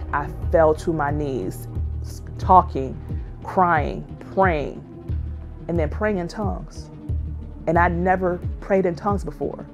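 A woman's voice: low-pitched, creaky. A woman narrating her own life story as a personal testimony, earnest and emotional in a plainspoken way. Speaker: memoir narrator.

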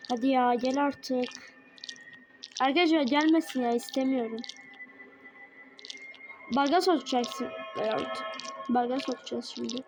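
A woman's voice: sits high, unhurried, long pauses, noisy background. A young woman commenting on a horror game as she plays, jittery and frightened, talking straight to her viewers. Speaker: gaming video creator.

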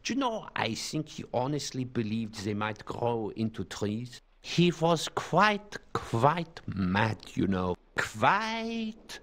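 An actor playing a very old, dying count in a video game, weary and haughty, with a theatrical aristocratic manner. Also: male voice, medium pitch, big pitch swings, fairly bright tone, exaggerated voice. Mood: rambling, reminiscing. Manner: slow, aristocratic, theatrical old-man delivery. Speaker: game character, an aged count. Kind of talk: dramatic video game voice acting.

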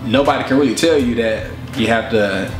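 A mid-range male voice talks fairly quickly as a twenty-something rapper reflects casually during an interview on his living room couch. The room sound is a bit roomy, and faint music plays in the background.

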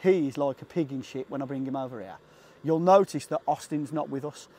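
An Englishman vlogs casually to camera while out on a hiking trail, making jokes at his own expense and talking to his dog between thoughts. His mid-range voice is warm and fairly quick.

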